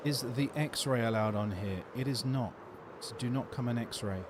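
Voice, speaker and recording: A man's voice: medium pitch, moderate pace, background noise. Laid-back London man streaming. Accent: London English. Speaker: gaming streamer. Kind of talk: casual livestream chat, answering viewer questions.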